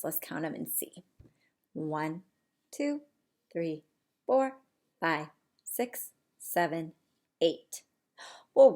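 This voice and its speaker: This preschool teacher, a woman with a fairly low, creaky voice, reads a picture book aloud to small children. Her delivery is sing-song and expressive, with frequent questions for the kids.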